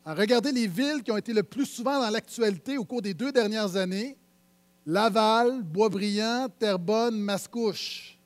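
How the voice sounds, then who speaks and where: A male pastor with a Quebec French accent preaches a sermon to his church. His voice sits high. He moves from loud, emphatic proclamation to low, confiding asides. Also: moderate pace.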